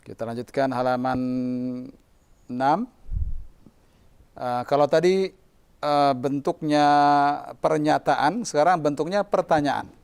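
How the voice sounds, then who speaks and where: A man with an Indonesian accent teaching Arabic in a live lesson, drawing out model phrases slowly for students to repeat. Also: a little high, creaky, darkish tone, clean tone. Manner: slow, drawn-out model pronunciation of Arabic phrases.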